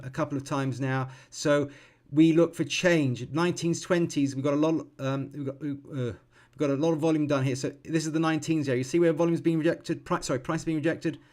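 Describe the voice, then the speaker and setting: Man giving calm live trading commentary. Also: a little high. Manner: thinks aloud with many ums and self-corrections; calm, explanatory, teaching as he watches. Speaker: futures trader streaming live.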